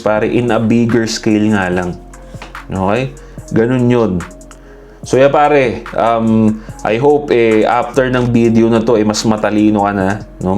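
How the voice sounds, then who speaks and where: A man from the Philippines giving casual, animated commentary to his viewers, who he calls "pare" and "bro". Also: on the low side. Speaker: vlogger.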